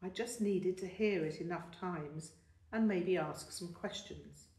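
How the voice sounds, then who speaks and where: A woman's voice: on the low side, a little slow, dark tone. A woman reading a first-person story aloud, reflective and wistful in tone. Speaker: audiobook narrator. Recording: roomy, distant mic.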